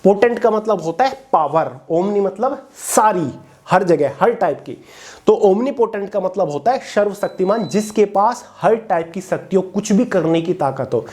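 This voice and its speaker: A man teaching exam vocabulary in an online lesson, explaining each word and reading its English definition out slowly. He keeps checking in with his listeners as friends. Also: high-pitched, expressive, a little mellow.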